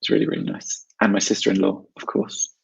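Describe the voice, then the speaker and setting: A man with a South London accent hosts an informal online English lesson. His voice is fairly low and heavily fried at the edges, and he speaks in short, simple, chatty phrases. The sound is slightly dull and lo-fi, as on a webinar. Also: quick pace, gravelly, slightly rough. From South London, England. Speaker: English teacher and webinar host.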